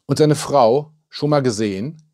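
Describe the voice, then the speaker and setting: A man's voice: medium pitch, a little slow, mellow, voice pushed up, lightly acted. A man doing a bossy village gossip woman. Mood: gossipy. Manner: commanding, gossipy.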